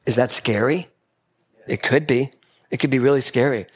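A man giving a spiritual talk to a live audience in a gathering hall, playful and animated as he acts out little exchanges in quoted voices. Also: mid-range voice, moderate pace, husky.

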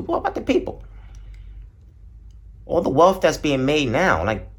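A man hosting his podcast alone, ranting bluntly with lots of profanity and rambling asides. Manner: blunt, profane, rambling, mimics others in high voices. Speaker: podcast host. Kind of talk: solo casual rant.

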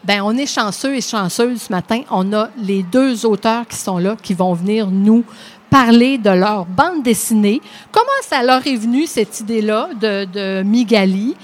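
A woman, presenting comics to a group of children with lively hesitations. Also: mid-range voice, unhurried, a little hiss or hum. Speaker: workshop host for children. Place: library room with children.

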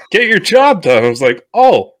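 A man's voice: sits high, sing-song, unhurried, dry recording, clean studio sound. A man in his twenties co-hosting a casual podcast, telling earnest, reflective stories. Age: 20s. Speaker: podcast co-host, tow operator. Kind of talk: casual chat.

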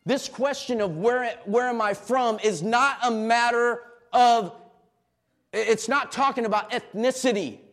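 A pastor preaching a sermon in a church and calling on the congregation to answer back. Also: male voice, very high-pitched, a little slow. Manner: call-and-response preaching, rising to shouts. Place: church sanctuary.

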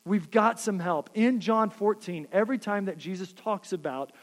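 A man preaching a sermon, earnest and dynamic, dropping to a hush and then rising again. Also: high voice, normal speed. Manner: earnest, dynamic, drops to quiet then rises. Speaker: pastor. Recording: reverberant hall.

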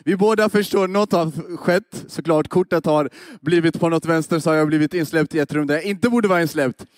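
A young man preaching a sermon, telling a personal story with lively energy and often asking the congregation to agree. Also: fairly high pitch, no room sound, studio quality. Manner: lively storytelling, asks the audience "eller hur?".

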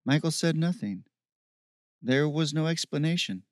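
A man narrating a story in a steady, measured reading. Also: a little high, dry recording, clean studio sound. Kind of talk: audiobook narration.

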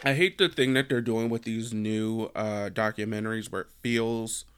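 Young American man, solo podcast host, meandering filler-heavy chat, smooth voice, dry close sound. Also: fairly low pitch, fairly even intonation, normal speed, a bit bright, no echo. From United States. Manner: rambling, heavy use of "like" fillers.

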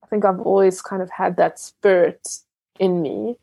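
A woman from Ghana, a young entrepreneur, speaks in a lowish, fairly even voice with a mellow tone. She thinks aloud with many pauses and self-corrections, and the recording is close and dry. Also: gravelly, dry recording. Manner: reflective, with frequent fillers and restarts. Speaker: entrepreneur guest. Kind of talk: interview conversation.

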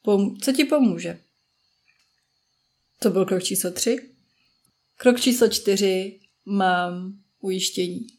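A woman's voice: mid-range voice, a little mellow. A woman in her thirties, a parenting podcast host, talking in a chatty, casual way and briefly acting out friends and children. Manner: chatty, acts out friends and children in quick asides. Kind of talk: casual solo talk.

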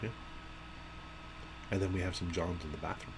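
Very low-pitched man, deadpan podcast host, hiss behind him. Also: normal speed. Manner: deadpan, playful jokes. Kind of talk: joking casual podcast chat.

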